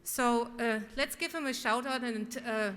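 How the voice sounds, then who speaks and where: A woman's voice: fairly high pitch, measured pace. A woman legislator giving an earnest, prepared floor speech. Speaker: state legislator. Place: large legislative chamber. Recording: echoey hall with clear background noise.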